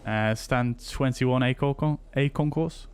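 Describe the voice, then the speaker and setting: A man's voice: medium pitch, takes it slowly, slight background noise. A man streaming a flight sim on a headset mic, chatting with viewers between pilot radio calls. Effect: livestream headset mic audio.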